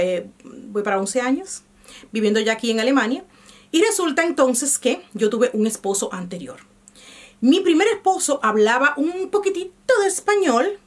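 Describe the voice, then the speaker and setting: Lady vlogging, kinda high voice, chatty, talks right to the camera. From Dominican Republic. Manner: chatty, addresses viewers as "mis amores". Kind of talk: casual chat to camera.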